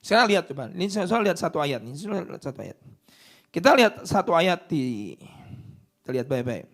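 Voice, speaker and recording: A man preaching a sermon into a microphone in church, swinging from loud declarations down to hushed whispers. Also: a little high, very animated, quick pace, gravelly. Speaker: pastor.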